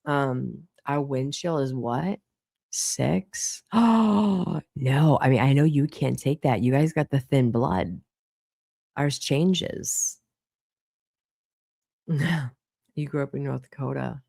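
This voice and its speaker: Boston woman in her thirties hosting a live chat, blunt and foul-mouthed, with a gravelly voice recorded close and dry. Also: a bass voice, animated, slow, pauses often, warm tone, dry recording. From Boston, Massachusetts. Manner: chatty, blunt, swears freely. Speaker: livestream host. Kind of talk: casual late-night live chat.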